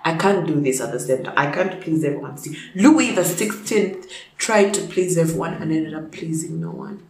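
A woman's voice: sits low, normal speed, darkish tone, reverberant, slight background noise, low-quality recording. A young woman who is sick and whose voice is off rants bluntly and profanely in a casual opinion vlog. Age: young adult. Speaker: vlogger.

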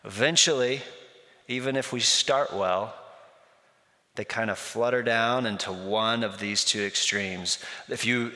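A man preaching to his congregation with a bright, forceful voice at a middle pitch. He talks through stories in a loose, conversational way, and the church hall gives his words a long echo. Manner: conversational preaching with storytelling asides. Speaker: pastor. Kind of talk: sermon.

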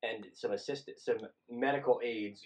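A man's voice: mid-range voice, steady tone, normal speed. A man co-hosting a podcast in casual conversation, recorded with noisy, dull audio. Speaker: wrestling podcast co-host. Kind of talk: casual chat.

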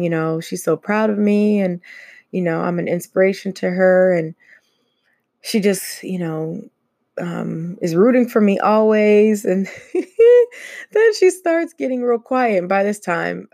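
A woman's voice: medium pitch, vocal fry, warm tone, no echo, studio quality. A woman hosting her own podcast, talking casually and laughing often between many fillers. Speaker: podcast host. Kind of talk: casual solo podcast chat.

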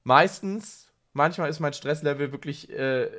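An unhurried man with a higher, fairly bright voice co-hosts a casual conversational podcast, joking at his own expense and playfully exaggerating. By trade he is a social worker and workshop leader.

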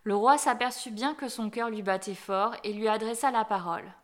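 A woman reading a fairy tale aloud as storyteller, gentle and dropping softly at the ends of phrases. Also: fairly high pitch, normal speed.

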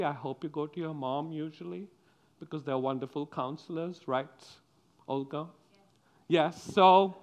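A man's voice: high voice, fairly bright tone. A man giving a playful children's sermon as pastor, coaxing the kids and the congregation with questions.

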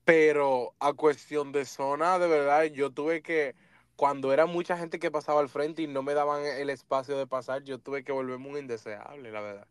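A man who photographs at church, telling lively stories in a casual podcast chat and imitating camera clicks. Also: a little high, moderate pace, smooth, no echo.

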